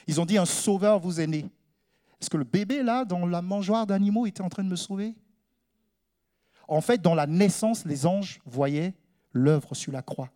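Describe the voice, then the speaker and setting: A man preaching a sermon, asking his congregation questions and repeating refrains. He drops to hushed low phrases, then lifts into raised, almost sung lines. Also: unhurried, pauses often.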